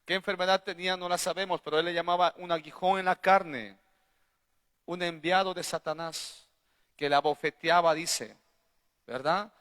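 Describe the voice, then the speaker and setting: Male pastor, sermon delivery, bright slightly high voice, punchy call-and-response questions, loud-soft swings, church hall reverb. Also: steady tone, moderate pace, clear, resonant tone. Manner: emphatic preaching, frequent rhetorical questions to the congregation; swings between loud bursts and quiet asides.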